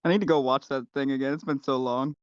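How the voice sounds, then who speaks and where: A man musing casually with other traders in a group voice chat, relaxed and hesitant. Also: medium pitch, quick pace, clean tone, no echo. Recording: dull dry online call audio.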